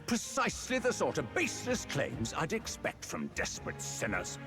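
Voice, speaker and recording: Villainous church leader, arrogant, slow theatrical menace, high-pitched for a man, music behind, video game. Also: huge pitch swings. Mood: scornful menace. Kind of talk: video game drama acting. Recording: background music.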